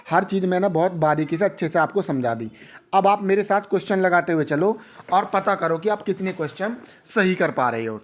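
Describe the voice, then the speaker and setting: A man teaching an exam-prep grammar lesson, drilling students with repeated rhetorical questions. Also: high-pitched.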